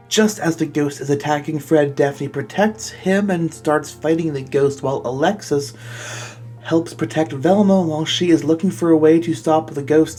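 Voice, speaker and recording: A man with a fairly high-pitched, somewhat dark voice hosts a comedy video, dramatically reading fan fiction aloud and interrupting himself with exasperated, mock-outraged remarks.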